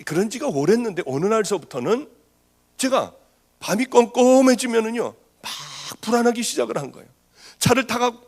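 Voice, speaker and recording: A woman pastor giving a sermon testimony, telling her story with strong feeling and a voice that rises when she grows agitated. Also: medium pitch.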